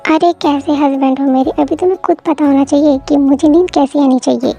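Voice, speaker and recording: Brief: woman plays clingy newlywed wife, pleading and teasing, audio drama, high-pitched. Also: fairly even intonation, fairly quick, dark tone, soft background music. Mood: whiny teasing. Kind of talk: Hindi fan audio drama.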